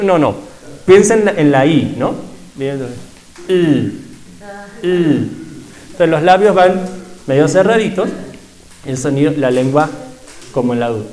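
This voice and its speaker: A man teaches a pronunciation workshop with a voice a little higher than usual. He is patient and breaks each sound down, repeating it slowly for his students. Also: a little mellow, low-quality recording. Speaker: language teacher.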